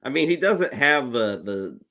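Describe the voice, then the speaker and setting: A man co-hosting a casual sports talk show, chatty and animated, laughing often. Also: mid-range voice, measured pace, gravelly. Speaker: podcast co-host.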